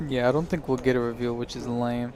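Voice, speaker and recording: A man calls a live poker stream from the booth, his voice sitting at an ordinary middle pitch. He talks in a loose, chatty way, working out the hands as he goes. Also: level tone, fast, noisy background. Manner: chatty, thinks aloud while reading hands. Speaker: poker commentator.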